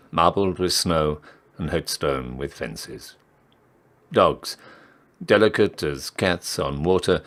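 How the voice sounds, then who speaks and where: A man giving a dramatic literary reading in a declamatory, emphatic town crier manner, with measured phrasing. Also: sits low, fairly bright tone. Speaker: reader of a literary story.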